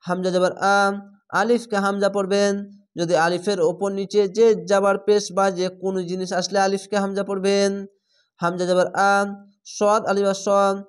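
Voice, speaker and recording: A man teaching Quran reading, spelling out Arabic words slowly syllable by syllable. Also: high-pitched, flat delivery, clear, resonant tone. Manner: slow, drawn-out syllable-by-syllable spelling and chanting. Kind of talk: spelling-out Quran recitation lesson.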